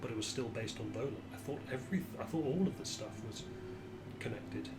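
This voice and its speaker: A man takes part in a tabletop game in a casual, halting way, thinking aloud as he goes. His pitch is average and there is clear noise on the recording. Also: expressive.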